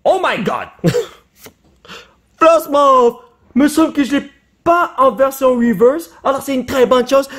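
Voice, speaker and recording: A man with a high, bouncy voice chats through a late-night card opening. He is short on sleep, yet excitable, and he shouts and laughs at good pulls. English words slip into his casual talk. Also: slightly rough. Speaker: YouTuber opening Pokémon cards. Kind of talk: casual vlog chat.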